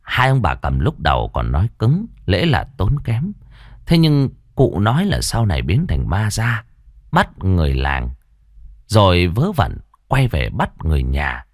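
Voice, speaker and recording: Lively man telling a ghost story. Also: low voice, unhurried, no room sound, studio quality. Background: faint music.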